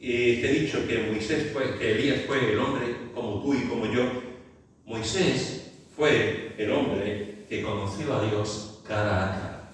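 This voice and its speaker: A man preaching a sermon in an Andalusian Spanish accent, animated, asking rhetorical questions and repeating phrases for emphasis. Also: medium pitch, unhurried. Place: large church hall. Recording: echoey hall, mic at a distance.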